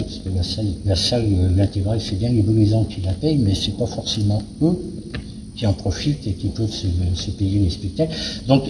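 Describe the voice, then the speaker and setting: A man speaking as a venue director in an interview, explaining things in a hesitant, searching way. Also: mid-range voice. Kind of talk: spoken interview about a cultural season. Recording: noisy, very reverberant hall.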